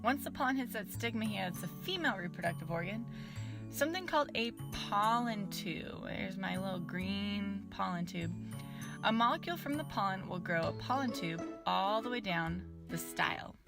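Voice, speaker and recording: A young adult woman presenting casual educational science outdoors in a bright, curious, enthusiastic and chatty manner. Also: mid-range voice, animated, normal speed, over loud music. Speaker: science show host. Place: outdoors in a backyard.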